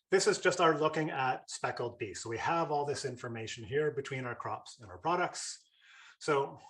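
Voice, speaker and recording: A man presenting an online lesson in a casual, chatty way, full of fillers and restarts. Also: medium pitch. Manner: chatty, with fillers and repeated starts. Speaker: webinar presenter.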